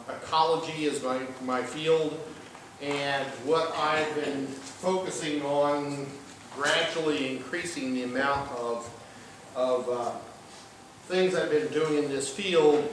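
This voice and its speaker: Echoey older man. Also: medium pitch. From Ozarks, southern Missouri, US. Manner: folksy, halting delivery with pauses. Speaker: college professor, guest lecturer. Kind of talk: informal public lecture. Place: large indoor lecture room, recorded from afar. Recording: very echoey room, distant mic, faint noise.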